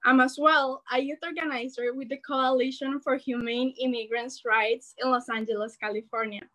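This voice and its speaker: A teenage girl from El Salvador, a student organizer giving an earnest, animated rally speech over a video call from her bedroom. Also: high voice, moderate pace, low-quality recording. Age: teens. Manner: earnest, animated, gestures while speaking. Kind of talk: prepared speech. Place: bedroom at home. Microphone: laptop webcam on a video call.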